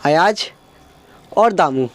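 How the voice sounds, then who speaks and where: A man's voice: fairly high pitch, expressive, very slow. A young man doing stand-up, telling a childhood story and acting out his friends' lines. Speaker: stand-up comedian.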